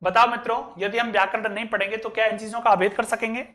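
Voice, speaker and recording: A man teaching a grammar lesson, reciting a verse slowly and then explaining it word by word. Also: high-pitched, little pitch movement, pushed and bright.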